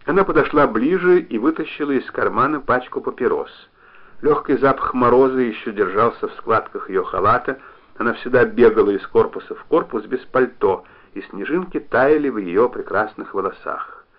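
A man narrating a novel in a measured, expressive reading style, on a dull lo-fi recording. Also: mid-range voice. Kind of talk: literary audiobook reading.

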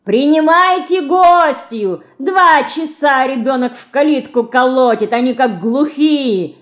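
Woman doing a loud grumbling housekeeper, calling from afar, fond underneath. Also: sits high, slow pace, pitched above the performer's own voice. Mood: fondly scolding.

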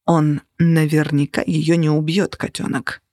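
A reader voicing a stern male vampire, low and firm. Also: steady tone, moderate pace, vocal fry, a little mellow, no echo, clean studio sound.

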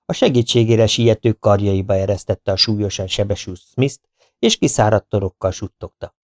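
A man reading an adventure novel aloud as an audiobook narrator, steady and even. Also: fairly low pitch, no echo, clean studio sound. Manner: steady storytelling read-out. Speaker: audiobook reader.

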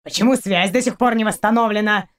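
A woman's voice: mid-range voice, fast talker, fairly bright tone, natural voice. A woman reading aloud, voicing a cold, threatening male pirate. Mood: menacing.

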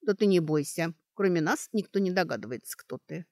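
A woman reading an audiobook, voicing a sharp-witted young girl student who talks in a brisk, mocking way as she reasons things out. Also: fairly low pitch, animated, no echo, studio quality, lightly acted. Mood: reasoning.

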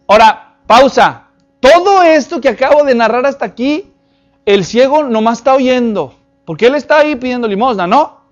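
A man preaching an expository sermon, lively and joking, with many rhetorical questions to the congregation. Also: very high-pitched, moderate pace. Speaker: pastor. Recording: dull lo-fi recording.

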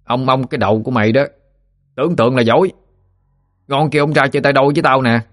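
A man's voice: mid-range voice, steady tone, fast talker, a bit bright, pitched above the performer's own voice, lightly acted. A man doing a swaggering village bully boy. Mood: taunting. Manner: swaggering and taunting.

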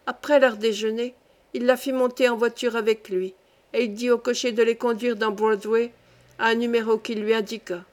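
A woman narrates a classic novel in audiobook style. Her reading is steady and measured, set in a fairly high voice. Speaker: audiobook reader.

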